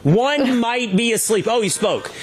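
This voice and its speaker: A man's voice: very high-pitched, expressive, unhurried, a loud crowd. A man co-hosting a casual political debate, making his points in a firm, opinionated way. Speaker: co-host.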